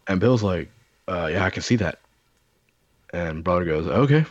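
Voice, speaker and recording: A man's voice: deep voice, moderate pace, no room sound, lo-fi sound. A man in a casual chat, telling stories in a rambling, profane way with lots of fillers.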